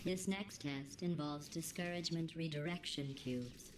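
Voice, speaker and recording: A woman voicing a cold, sarcastic female computer that runs a test lab, calm and insulting, with a robotic processed sound. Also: low-pitched, unhurried. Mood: deadpan sarcasm. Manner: deadpan, passive-aggressive, insulting in a calm even tone. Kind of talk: video game dialogue. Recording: echoey game audio with steady hum.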